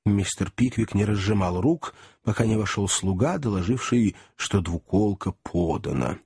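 A man reading a classic novel aloud in an expressive, animated storybook narration. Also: fairly low pitch, moderate pace, vocal fry, husky, no echo, clean studio sound. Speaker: audiobook narrator.

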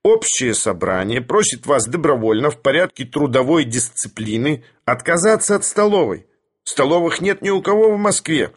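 Man playing male committee chairman, indignant, pushy, higher raised voice, husky. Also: big pitch swings, moderate pace. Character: resentful male house-committee chairman, combative. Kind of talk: audiobook character voice.

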